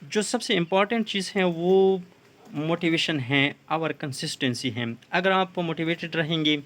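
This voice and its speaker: Man, English teacher, explanatory lesson, repeats slow English phrases. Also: fairly high pitch, a bit bright. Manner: repeats points in Urdu and slow English examples. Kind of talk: explaining English tips in Urdu.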